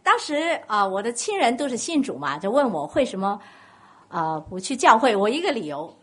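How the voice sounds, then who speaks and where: Woman, Cantonese accent, preaching, husky, animated delivery, asks the congregation questions. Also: on the high side, normal speed. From Guangdong, China. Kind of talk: sermon.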